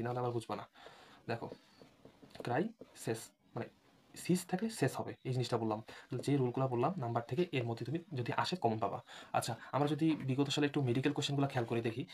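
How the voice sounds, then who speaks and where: A quick-paced man lecturing students through an exam-prep lesson. He spells words out letter by letter and keeps asking whether the class is following. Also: mid-range voice, a little mellow, slight background noise. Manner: repeatedly checks understanding, spells words letter by letter. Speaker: English teacher for admission test prep. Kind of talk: online lecture.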